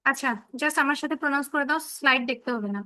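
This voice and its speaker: Woman teacher, online kids' phonics class, high clear voice, dry close sound on a laptop mic. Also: fairly even intonation, pushed and bright, no echo, poor audio. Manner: slow, repeats letter sounds for kids to copy. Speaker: English teacher for children. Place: home, on a laptop video call.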